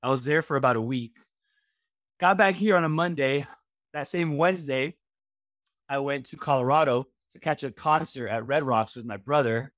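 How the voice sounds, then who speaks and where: Relaxed middle-aged man, dry sound. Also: medium pitch, moderate pace, no room sound. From Miami, USA. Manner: relaxed, rambling lists with frequent fillers. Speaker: guest, registered dietitian. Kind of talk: casual interview chat. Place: home room, video call. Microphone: headset.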